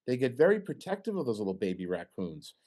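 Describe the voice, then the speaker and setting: A man's voice: mid-range voice, sing-song, quick pace, warm tone. A middle-aged man presenting a talk with slides at an engineering meeting, joking and putting questions to the audience. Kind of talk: informal technical talk with slides.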